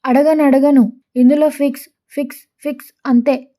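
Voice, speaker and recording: A woman's voice: high-pitched, fairly even intonation, normal speed, dark tone, natural voice. A woman voicing a brash, hot-tempered but caring young man in a read-aloud story. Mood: confident.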